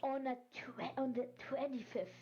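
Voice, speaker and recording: A woman's voice: high voice, moderate pace, mellow. Woman searching for words. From Germany. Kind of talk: casual chat. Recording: muffled, with faint noise.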